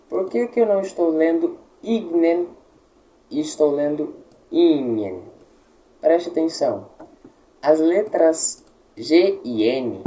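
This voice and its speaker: A man gives a Latin pronunciation lesson in a dark, mellow voice. He talks slowly and patiently, spelling out each sound and checking that his listeners follow. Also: a little high, slight background noise, poor audio. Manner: patient, explains slowly, checks with "tá?" and models words. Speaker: Latin teacher.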